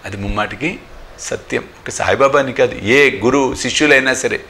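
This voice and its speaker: Male spiritual teacher, on English, emphatic devotional talk, mid-pitched voice. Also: moderate pace, bright, forceful tone, slight background noise. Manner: emphatic, rhetorical questions, mixes in English phrases. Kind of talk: devotional discourse.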